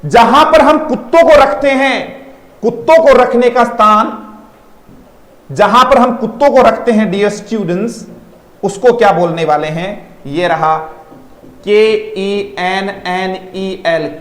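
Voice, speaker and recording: A man's voice: very high-pitched, measured pace, fairly bright tone, echoey room. A man teaching an online vocabulary lesson, repeating words in drills and coaxing his students to answer. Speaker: English teacher.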